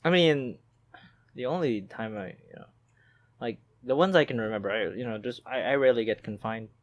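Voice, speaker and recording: A man's voice: mid-range voice, brisk, muffled recording. A young man from the Philippines co-hosting a podcast, chatting casually and laughing as he swears through his stories. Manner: laughing, swearing, animated banter. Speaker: podcast co-host. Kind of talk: casual chat.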